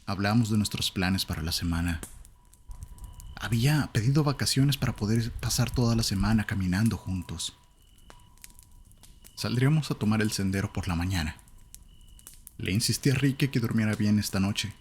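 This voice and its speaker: A male narrator with a low voice and a Latin American Spanish accent tells a horror story in a calm, measured way. Faint hiss runs through the recording.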